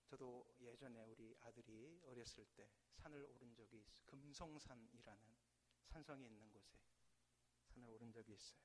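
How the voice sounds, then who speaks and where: A middle-aged man, a pastor, preaching a sermon with dramatic swells and hushed drops in a church sanctuary. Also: mid-range voice, fairly quick, slight background noise. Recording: church hall reverb.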